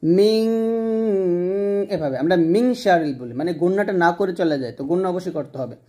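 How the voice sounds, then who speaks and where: A man teaching Quran recitation who explains common pronunciation mistakes in plain speech, then chants slow, drawn-out syllables for listeners to repeat. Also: fairly high pitch, lively intonation, a little mellow. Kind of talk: step-by-step recitation lesson.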